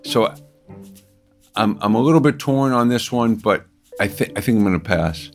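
A man investor questioning founders and explaining his pass in a halting way, often repeating words. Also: lowish voice, lively intonation, soft background music. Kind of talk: business pitch discussion.

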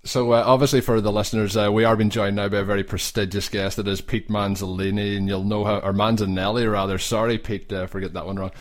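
An Irish man hosting a casual podcast interview. He talks fast and fills his sentences with hesitant uhs. His voice sits fairly low. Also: little pitch movement. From Ireland. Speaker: podcast host.

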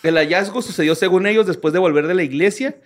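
A man with a Mexican accent and a voice a little higher than average. He hosts a loose, casual chat, sharing odd stories in profane, slangy, informal language. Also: quick pace. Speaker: podcast host.

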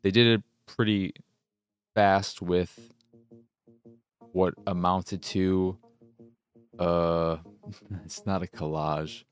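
A man's voice: sits low, fairly even intonation, extremely slow, pauses often, clear, resonant tone, faint music behind. A man in his thirties hosting a casual podcast, talking in a loose, rambling, crude way into a close microphone. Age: 30s. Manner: loose, rambling and crude, with playful silly voices. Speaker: podcast host. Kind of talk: casual solo podcast chat.

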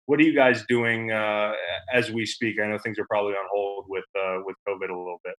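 A man's voice: fairly low pitch, steady tone, fairly quick, a bit bright. A man in his thirties hosting a podcast interview, talking in a conversational, admiring way with plenty of fillers. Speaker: podcast host. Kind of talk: casual interview chat.

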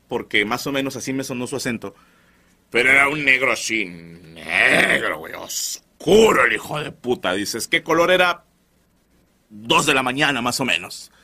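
Hosting a comedy podcast, a Mexican man tells loud, crude, joking stories packed with slang. His voice sits fairly high and swings widely in pitch.

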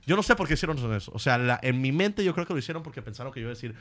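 A man with a Venezuelan accent, a comedian guest telling stories on a podcast in a lively way. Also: mid-range voice, racing. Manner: animated storyteller who slips into accents and impressions. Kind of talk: casual podcast storytelling.

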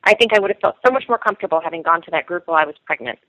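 A woman's voice: on the low side, animated, rapid-fire, pushed and bright, no echo. A woman from Colorado leaving an enthusiastic voice message for a show. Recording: tinny phone-line message.

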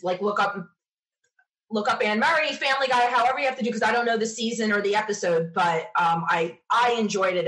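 A middle-aged woman being interviewed on a podcast recounts stories casually, in an emphatic, opinionated way. Her fairly low, fairly bright voice comes through a low-quality recording.

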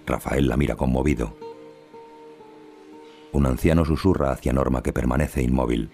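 A man reading scripted audio description in a calm, even voice. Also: moderate pace, soft background music. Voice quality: very deep and gravelly.

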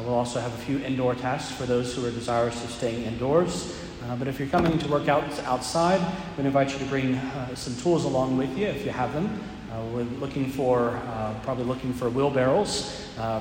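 An American man speaking as a priest at Mass, his voice ringing with a cathedral-like echo. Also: medium pitch. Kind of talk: liturgical reading, church announcements and sermon. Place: large church interior. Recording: very echoey church, long reverb, faint noise.

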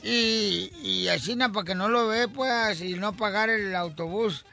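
High bright-voiced radio host. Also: male voice, a little slow, vocal fry, faint music behind. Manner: loud, teasing, shouts punchlines. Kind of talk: comedy radio banter.

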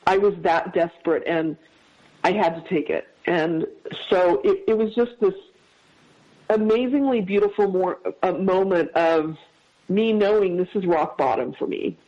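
A man as a podcast guest, telling a personal story in a heartfelt, halting way with many restarts. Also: high voice, a little mellow. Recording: dull lo-fi sound.

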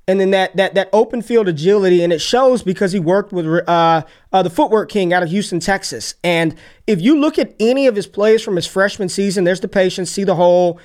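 Brief: man, high-pitched, casual draft-analyst commentary, excitable delivery. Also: clear, resonant tone. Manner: energetic, excited, talks over plays. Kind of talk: casual film breakdown commentary.

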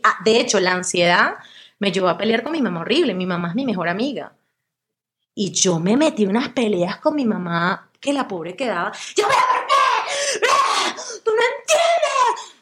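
Lively Venezuelan-born woman storyteller. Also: mid-range voice, a little fast. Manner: lively storytelling, acts out quoted voices. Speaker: podcast guest, actress. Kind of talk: casual interview chat.

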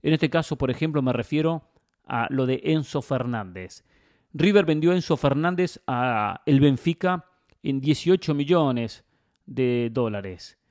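A man's voice: medium pitch, animated, measured pace, a little mellow, dry recording, clean studio sound. A man giving opinionated football commentary as a host, emphatic and fond of rhetorical questions and repetition.

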